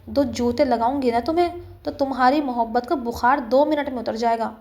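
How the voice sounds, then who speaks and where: A woman's voice: fairly high pitch, a little mellow, close to an everyday voice. A woman voicing a fiery young woman coworker who snaps back with scolding, threatening retorts. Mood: scornful.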